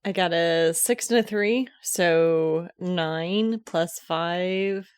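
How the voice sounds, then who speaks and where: A woman's voice: lowish voice, very slow, clear, resonant tone, no echo, clean studio sound. A woman playing a tabletop roleplaying game, casually describing what her character does.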